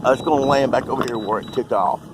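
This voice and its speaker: A man vlogging outdoors by a lake, chatting and talking excitedly to his drone. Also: mid-range voice, fast talker. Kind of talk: casual outdoor vlog. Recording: outdoor wind noise on mic.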